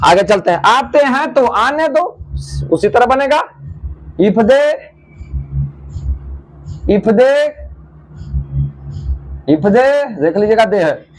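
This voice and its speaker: Slow, lively Indian English teacher. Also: male voice, high voice, slight background noise, poor audio. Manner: repeats phrases slowly, drawn out, asks learners questions. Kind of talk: slow classroom explanation.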